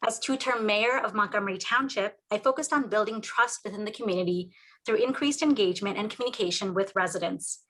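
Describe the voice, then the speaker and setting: A woman running for office, giving a polished, steady, prepared opening statement. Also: mid-range voice, a little fast, poor audio. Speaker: political candidate.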